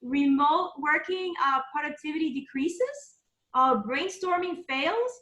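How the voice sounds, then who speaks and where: A woman with a high, bright voice presents a live webinar and talks through her points casually, with plenty of ums and asides. Her voice comes over online meeting audio and rings with a roomy echo. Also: lively intonation, unhurried. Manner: conversational, loose with frequent ums and asides.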